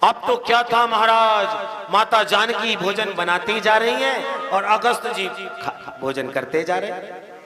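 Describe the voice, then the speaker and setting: High-voiced male devotional storyteller. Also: slow, crowd noise. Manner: lively, chuckling storyteller, repeats phrases for effect. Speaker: preacher telling a devotional story. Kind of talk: religious storytelling discourse.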